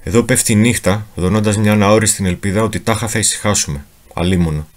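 A man giving a solemn, theatrical reading of a memoir as a dramatic literary reading. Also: on the low side. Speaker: reader of a memoir.

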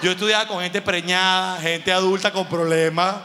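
A man with a Venezuelan accent doing a slangy stand-up comedy monologue, animated and acting out voices. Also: sits high, normal speed, long reverb tail, background noise.

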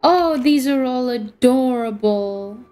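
A woman's voice: high-pitched, takes it slowly, warm tone, faint music behind. A young woman streaming a game, chatting casually and giggling as she reacts to the match and her chat.

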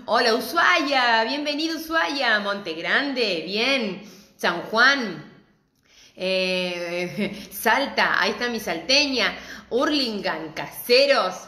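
Argentine woman, middle-aged, craft teacher, bright voice, chatty and affectionate, echoey room. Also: fairly high pitch, lively intonation, very slow. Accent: Argentine Spanish. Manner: chatty, affectionate greetings to viewers. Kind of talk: live-stream craft class.

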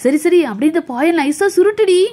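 A woman voicing dolls in a playful doll story, animated and fretful as she urges the children along. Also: very high voice, a little fast.

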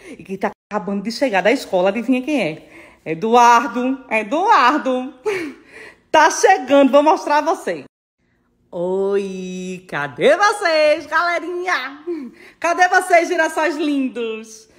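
A middle-aged woman, a social media influencer, chats warmly to her followers in a casual phone vlog. Her high voice has a sing-song lilt and a measured pace, and she repeats herself and laughs.

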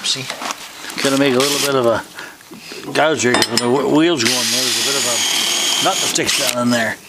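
A man's voice: mid-range voice, brisk. A middle-aged man, chatty and folksy, jokes while narrating his own building work at an outdoor hangar, recorded on the camera he holds. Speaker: hobby pilot building hangar doors. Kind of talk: casual how-to narration while working. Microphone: handheld or head camera mic. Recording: noisy outdoor camera audio.

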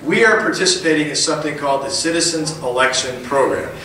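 Middle-aged guy at a podium firing up a rally, bright voice, faint room hum, big echoey function hall. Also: fairly high pitch, fast, distant mic. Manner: folksy, rousing, rising to emphatic peaks. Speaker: politician. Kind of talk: campaign rally speech. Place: large indoor function hall. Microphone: podium mic, recorded by a far camera.

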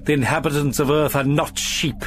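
An actor playing a pompous, bumbling middle-aged professor in a sci-fi comedy, pedantic and prone to digress. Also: male voice, a little high, steady tone, normal speed, slight background noise, close to an everyday voice.

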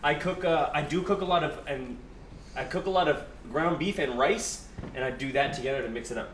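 A man's voice: fairly high pitch, brisk, a bit bright. A man in his twenties bantering casually on a live stream, with slangy, sweary talk. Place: indoor home kitchen. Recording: echoey kitchen with faint noise.

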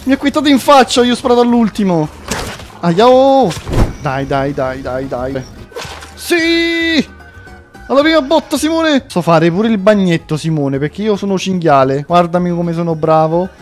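A man's voice: high-pitched, lively intonation, a little slow, faint music behind. A young man hosting a gameplay video, joking with a friend and breaking into theatrical yelps. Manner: jokey, theatrical, bursts into mock yelps. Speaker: gaming video host. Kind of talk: playful gameplay commentary with a friend.

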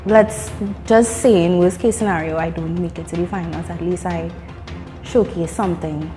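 A woman's voice: lowish voice, steady tone, normal speed. A young Trinidadian woman giving casual interview answers as a contestant. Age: young adult. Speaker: cooking contestant. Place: TV studio. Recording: reverberant sound under loud music.

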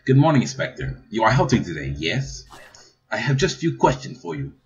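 A man's voice: very animated, fairly quick, vocal fry, highs cut off, slight background noise. A man voicing a stern male secret police agent in a put-on Eastern European accent, speaking broken, clipped English. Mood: interrogating. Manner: broken clipped English, louder and higher than his own talk.

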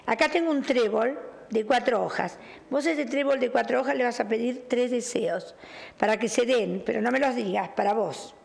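A woman's voice: a little high, normal speed, vocal fry. A middle-aged woman with a Rioplatense accent hosting a show as a tarot reader, affectionate and chatty with the caller, her voice still recovering from a loss of voice. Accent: Rioplatense Spanish. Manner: affectionate, chatty, calls caller "mi cielo", "querida". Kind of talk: on-air fortune-telling reading.

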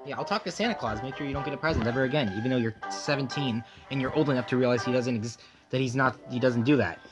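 A woman's voice: a bass voice, music in the background. A woman doing a bossy Mario plush toy. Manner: bossy, scolding, quick to bicker. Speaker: contest host among toys. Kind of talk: home plush toy video acting.

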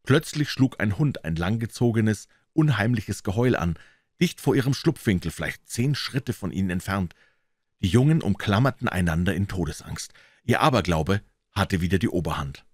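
A man narrating a classic novel as an audiobook in a measured storytelling manner. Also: on the low side, expressive, dry recording, studio quality.

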